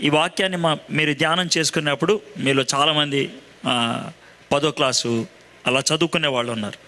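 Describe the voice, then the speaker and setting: A man preaching a sermon, speaking slowly and deliberately so that everyone can follow. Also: fairly high pitch, sharp tone. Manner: slow, deliberate teaching delivery. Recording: long hall reverb.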